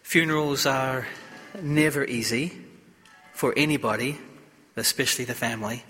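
A man speaking as a priest at a funeral, solemn and measured, in short deliberate phrases, with the cathedral-like echo of a large church. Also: medium pitch, pushed and bright, slight background noise. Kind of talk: solemn gospel reading and funeral homily.

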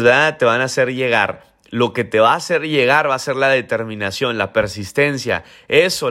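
A Mexican man delivers a motivational speech in a mid-pitched voice. He is emphatic and preachy, yet colloquial, dropping street slang and checking in with short tag questions as he coaches the listener. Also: fairly bright tone. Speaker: motivational mentor.

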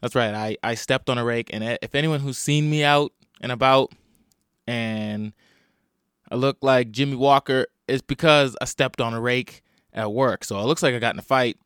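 A man's voice: mid-range voice, moderate pace, fairly bright tone, clean tone, dry recording, studio quality. Self-deprecating man with a split, swollen lip. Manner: rambling, self-deprecating, swearing freely. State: swollen, bruised upper lip; tired and hungover. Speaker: podcast host and comedian. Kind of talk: casual solo comedy podcast chat. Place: at home in a basement.

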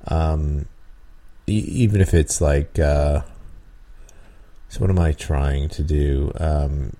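A man's voice: rumbling low, dark tone. A man hosting a podcast, giving tabletop game-master advice in a rambling, casual way with frequent chuckles and restarts. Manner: rambling, chuckles often, many ums and restarts. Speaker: podcast host and dungeon master.

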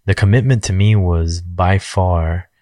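A man's voice: low voice, steady tone, a little slow, a little mellow, dry recording, studio quality. A man in his forties speaking candidly and frankly in a rambling personal monologue, swearing casually and using lots of fillers. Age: 40s.

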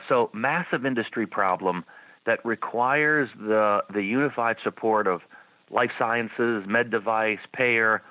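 A man's voice: lowish voice, no echo. A man being interviewed as a guest investor, slightly losing his voice, answering thoughtfully with many restarts. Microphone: phone line. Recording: tinny dry phone line.

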